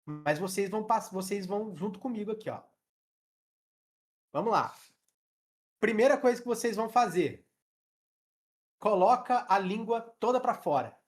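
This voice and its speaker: A young man runs a webcam English class live, his Brazilian Portuguese accent clear as he pronounces sounds aloud and checks on his students again and again. His voice is high, his pace moderate, and he pauses often.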